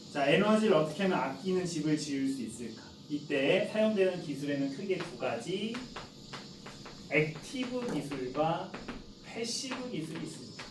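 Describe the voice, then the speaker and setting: Man in his forties, teacher, slightly high voice, chatty, asks and answers his own questions, faint background noise. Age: 40s. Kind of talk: classroom lecture. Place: classroom. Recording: echoey classroom from far off.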